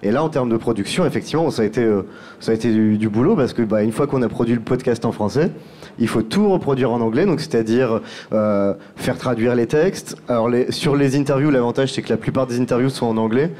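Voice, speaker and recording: Mellow-voiced man explaining at length. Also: mid-range voice, a little fast, slight background noise. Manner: talkative, restarts phrases often. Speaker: podcast producer. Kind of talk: round-table discussion.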